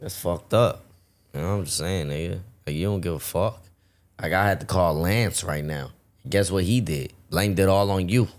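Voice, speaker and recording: A man hosting a podcast, telling stories in a loose, profane, animated way, his voice worn down today. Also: low voice, moderate pace. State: losing his voice. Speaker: podcast host. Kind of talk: casual storytelling chat.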